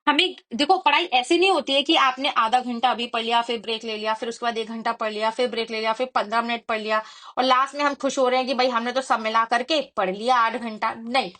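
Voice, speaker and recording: A woman's voice: a little high, fairly even intonation, fast, fairly bright tone. A woman explaining an exam study routine, mixing Hindi and English and often checking in with her listeners. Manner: conversational Hindi-English mix with frequent check-ins. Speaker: exam prep educator.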